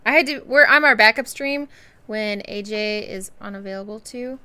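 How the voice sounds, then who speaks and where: A woman's voice: medium pitch, moderate pace, bright, forceful tone, clean tone. A woman hosting a live stream, upbeat and chatty, opening the show. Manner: upbeat, laughs often. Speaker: host and esports coach. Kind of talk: casual livestream chat. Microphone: live stream microphone.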